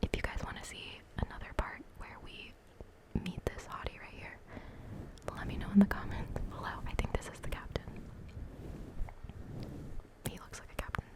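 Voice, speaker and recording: A woman in a whispered role-play, playing and reading a game aloud in a soft, chatty whisper and reacting as she goes. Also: moderate pace, long pauses. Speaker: ASMR creator.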